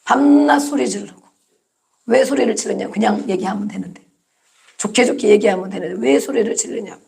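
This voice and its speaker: A woman's voice: mid-range voice, fairly quick, vocal fry, darkish tone. A woman pastor preaching a Sunday sermon, emphatic and repetitive, often prompting her listeners with "amen" and rhetorical questions.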